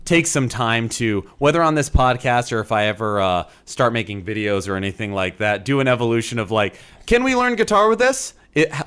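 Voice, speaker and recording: A man in his thirties co-hosting a podcast in casual chat, animated and quick to slip into playful voices. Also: medium pitch, smooth. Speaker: podcast co-host.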